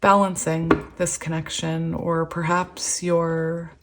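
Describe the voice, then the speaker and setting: Heavy background noise surrounds a woman with a deep, hoarse voice, almost gone from a cold, who delivers her words flatly and slowly. Casually chatting through a tarot reading, she laughs between thoughts and lets sentences trail off into fillers.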